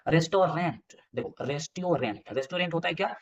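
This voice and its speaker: A man with a fairly high voice races through a spelling lesson for exam students. He thinks aloud, repeats words and spells them letter by letter. The recording sounds dull and lo-fi. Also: fairly quick. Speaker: English teacher for exam prep. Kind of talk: casual spelling quiz lesson.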